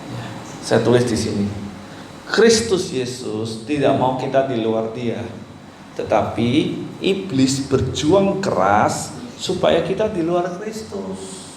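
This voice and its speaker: A male pastor preaching an animated sermon, swinging between loud and hushed, now and then mimicking pleading voices. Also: mid-range voice, takes it slowly, vocal fry. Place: church hall. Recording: very echoey church with faint background noise.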